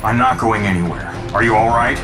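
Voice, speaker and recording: An actor playing a determined, blunt armored superhero in a video game, giving terse commands. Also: male voice, lowish voice, brisk, over music, natural voice. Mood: protective. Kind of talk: video game cutscene acting.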